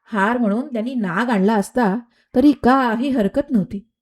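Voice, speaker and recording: A woman's voice: on the high side, normal speed, natural voice. A woman as a serene saintly queen. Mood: gently teasing. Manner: calm, soft, kindly.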